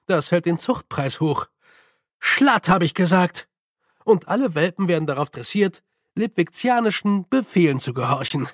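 A man's voice: high-pitched, animated, moderate pace, no room sound, clean studio sound. A man reading an audiobook, voicing a confident young male con man with assured, raised commanding calls. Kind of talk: audiobook character voice.

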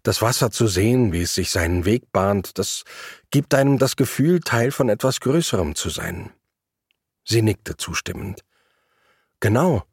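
A man narrating a first-person travel story in a measured, reflective way. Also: fairly low pitch, animated, gravelly, breathy edge, no echo, studio quality.

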